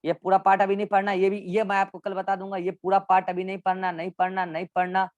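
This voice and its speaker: A man's voice: sits high, completely flat delivery, quick pace, no room sound, highs cut off. A male biology teacher giving an online class in with English science terms, walking students through textbook diagrams and repeating instructions.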